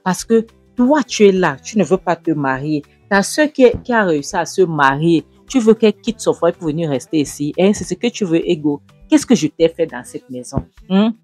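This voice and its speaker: A man's voice: a little high, expressive, normal speed, breathy edge, no room sound, soft background music. A man voicing a bossy middle-aged mother who scolds and threatens her daughter. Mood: furious. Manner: scolding, threatening, loud outbursts.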